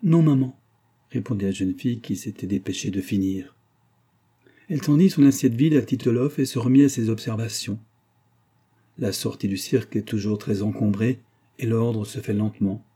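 A man reading a classic novel aloud in a measured, even storytelling manner. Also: on the low side, husky. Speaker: audiobook narrator. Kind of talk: scripted narration of a classic novel.

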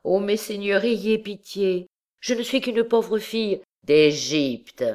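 A woman's voice: mid-range voice, slow, a little mellow, voice pushed up, lightly acted. A woman reading aloud voices a terrified young girl on trial, pleading and crying out in anguish. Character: terrified young Roma dancer on trial, desperate.

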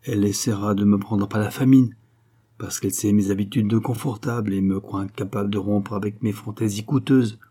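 A moody, self-absorbed young poet in a storybook reading, voiced by a man in a low, husky tone. He talks glibly, with a forced cheerfulness, his voice dark and mellow. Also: fairly even intonation, a little fast. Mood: blustering. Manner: glib, falsely cheerful. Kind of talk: audiobook character reading.

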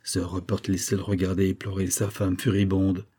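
A man reading a classic novel aloud in a measured, dramatic narration. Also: low-pitched, completely flat delivery, dark tone, husky. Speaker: audiobook reader.

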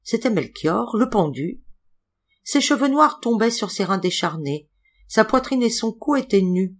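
Woman audiobook narrator, expressive and dramatic, classic literary tale. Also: medium pitch, measured pace. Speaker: audiobook reader.

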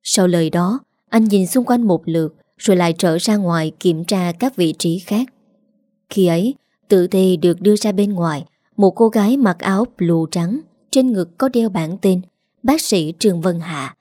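A woman narrating a story in a steady, even manner. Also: lowish voice, moderate pace, no echo, studio quality.

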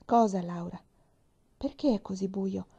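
A woman's voice: mid-range voice, a little slow, gravelly, mellow, breathy edge, lo-fi sound. A woman voicing a curious little pioneer girl. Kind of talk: audiobook reading.

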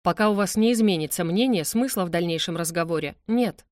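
A woman reading an audiobook, voicing a calm young nobleman who speaks in a dry, measured way. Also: fairly low pitch, no room sound, lightly acted. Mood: firm.

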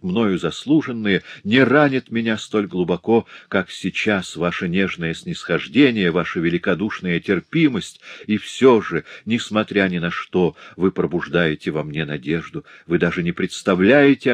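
Man reading an impassioned nobleman, deep low voice, dry close audiobook sound. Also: no room sound, natural voice. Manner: emotional and impassioned. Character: passionate tearful aristocratic husband.

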